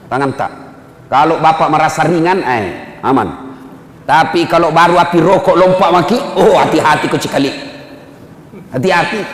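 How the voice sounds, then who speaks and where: A man preaching an animated sermon with a Makassar accent, acting out voices dramatically and joking with the audience. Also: on the high side. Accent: Makassar Indonesian. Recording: echoey hall reverb.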